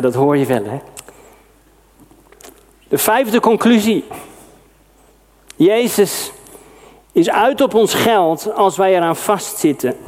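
A middle-aged man from the Netherlands preaching a sermon, lively and personal, with sudden emphatic exclamations. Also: high voice. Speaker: pastor.

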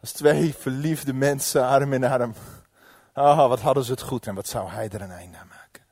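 Hese prediker met dramatische vertelling. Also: male voice, medium pitch, moderate pace, breathy edge, no echo. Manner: dramatic, swinging from hushed to loud. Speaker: preacher. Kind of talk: sermon with dramatic storytelling.

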